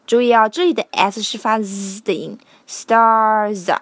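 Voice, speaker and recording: A woman teaching a song line by line, patiently explaining pronunciation and slowly singing out each sound. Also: mid-range voice, husky, no echo.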